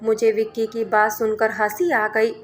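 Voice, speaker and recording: A woman narrating a scripted story in an even storybook manner, telling it as a young man in the first person. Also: a little high, moderate pace, faint music behind.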